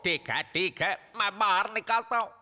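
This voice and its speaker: A man's voice: high-pitched, normal speed, close to an everyday voice. A man voicing a timid prison warden in a Hindi cartoon dub who stammers when frightened. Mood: terrified. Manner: stammering, fearful. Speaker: voice actor. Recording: music playing behind.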